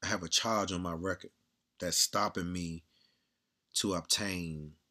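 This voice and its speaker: This man's voice is low, strong, and loud, and he speaks a little slowly with fairly even intonation. He delivers a blunt, candid casual monologue, swearing freely and going over the same points again.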